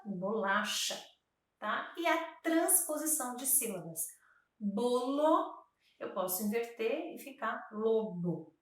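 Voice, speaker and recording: A woman's voice: a little high, a bit bright, recorded from a distance. A woman speech therapist from Brazil explaining to camera, patiently sounding out words syllable by syllable. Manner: patient, slow syllable-by-syllable demonstrations. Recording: very echoey room, voice from off-mic.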